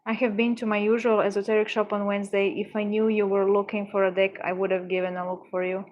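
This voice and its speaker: A woman's voice: medium pitch, level tone, quick pace, dull audio. Young woman, casual livestream chat, gushing, exclamatory, stumbling restarts, mid-range voice. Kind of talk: casual chat with live viewers.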